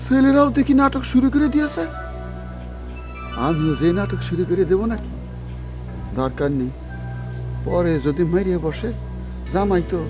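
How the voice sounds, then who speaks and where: A son-in-law who mutters sarcastic remarks about the quarrel. His voice is high. Clear music runs behind him. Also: lively intonation, normal speed, long pauses. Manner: sarcastic asides. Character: wry son-in-law commenting aside.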